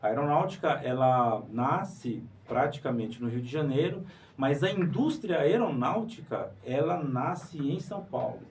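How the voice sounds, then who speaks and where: A writer and museologist from Pará in northern Brazil is interviewed, explaining things emphatically like a teacher and leaning on rhetorical questions. His voice is slightly high, expressive and a little mellow, moving at normal speed. The mic is distant and picks up faint noise.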